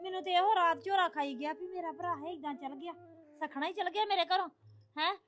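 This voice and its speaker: A woman's voice: extremely high pitch, fairly quick, a bit bright. A woman playing a remorseful sister pleading with her family, in an emotional, begging manner. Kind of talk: Punjabi family drama acting.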